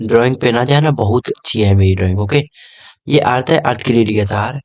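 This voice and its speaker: A man's voice: mid-range voice, brisk. A young man teaching an exam-prep lesson in a casual, chatty way, often checking in with "okay?". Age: young adult.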